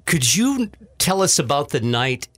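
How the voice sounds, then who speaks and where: A man's voice: on the high side, very animated, unhurried, fairly bright tone, dry recording. A man hosting an interview, asking long questions in a conversational way. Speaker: interview host.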